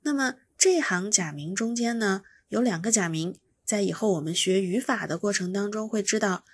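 A woman's voice: medium pitch, moderate pace, husky, no room sound. A woman teaching pronunciation, patiently explaining each sound and demonstrating it by repeating it. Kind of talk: slow instructional explanation.

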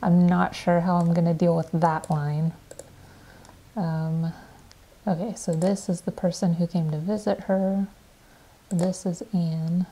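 A woman's voice: fairly low pitch, level tone, slow pace, long pauses, warm tone, poor audio. A young woman from Indiana reading an AI-written story aloud and commenting on it, evenly, with light laughs. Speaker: writer and video host.

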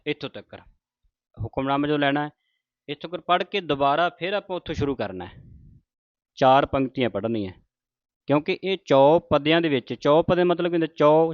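A man teaching how to pronounce scripture lines. He recites each verse very slowly and deliberately, then explains it in plain conversational speech. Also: fairly high pitch, no echo, highs cut off. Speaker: Gurbani pronunciation teacher.

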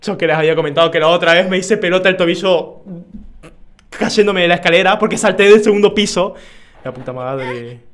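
A young man with an Argentine accent doing let's play commentary, excitable and swearing, bursting into loud outbursts. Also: sits high, fairly quick. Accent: Argentine Spanish. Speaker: gamer.

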